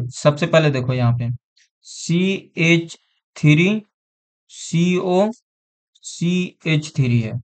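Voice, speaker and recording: Guy teaching science, kinda high voice, slow, keeps repeating stuff and asking if it's clear. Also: a little mellow. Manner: repeats terms over and over, checks understanding. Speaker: exam-prep science teacher. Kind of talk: online class lecture.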